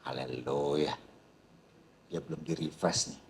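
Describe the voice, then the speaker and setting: A man preaching at a seminar in a lively, animated style, calling out to the crowd and shouting some punchlines. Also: a bass voice, takes it slowly, gravelly, slight background noise. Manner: addresses the crowd as "Saudara", calls out "haleluya". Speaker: pastor. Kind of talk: seminar sermon.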